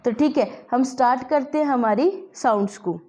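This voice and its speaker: A woman's voice: high-pitched, moderate pace, dark tone. A woman teaching a spoken English lesson, asking the class questions and answering them herself.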